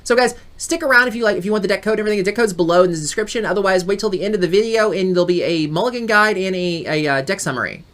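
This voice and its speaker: A woman's voice: medium pitch, racing, hardly any pauses, fairly bright tone. A woman hosting her gaming channel, chatting casually and upbeat through a card game, often rambling and correcting herself mid-sentence. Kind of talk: casual gameplay commentary.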